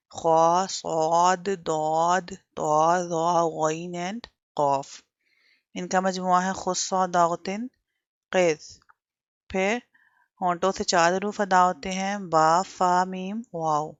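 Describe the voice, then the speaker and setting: Patient woman teacher, slightly low voice, drills letters by repetition, dry close sound. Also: dry recording. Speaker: Quran teacher.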